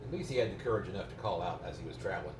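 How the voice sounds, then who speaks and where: Talking from home over GMRS, this amateur radio operator has a low, expressive voice and speaks in rapid bursts. He explains things patiently but rambles in this unscripted, casual chat. A distant microphone leaves the sound noisy and roomy.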